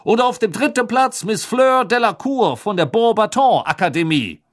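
A man voicing a jovial male tournament announcer whose voice is magically amplified over the stands, loud and showy. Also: animated, moderate pace. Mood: announcing. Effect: magically amplified voice booming over the stands. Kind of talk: audiobook reading.

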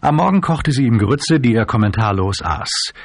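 A man narrating an audiobook in a measured storytelling manner. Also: medium pitch, expressive, dry recording.

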